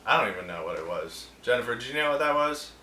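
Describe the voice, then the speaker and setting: A man's voice: medium pitch, expressive, fast, pushed and bright, slight background noise. A man hosting a film review show, ranting with sarcasm and animation in a casual, opinionated way. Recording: roomy echo, distant mic, faint ambience.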